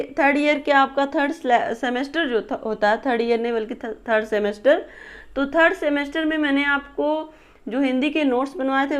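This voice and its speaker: High-voiced woman teaching an exam lesson. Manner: explains step by step, repeats and rephrases points. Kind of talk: recorded exam-prep lesson.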